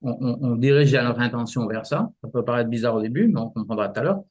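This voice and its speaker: A man explaining martial arts practice in a relaxed interview, often restarting his sentences and using images. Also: medium pitch, fast. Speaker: martial arts teacher, guest.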